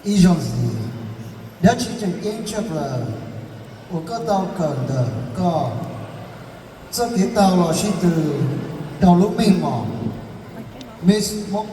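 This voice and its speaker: A man's voice: high voice, lively intonation, slow pace, pauses often, dark tone. A man speaking formally on stage as a pageant co-host. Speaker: pageant co-host, question translator. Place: large event hall. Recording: distant echoey hall, faint noise.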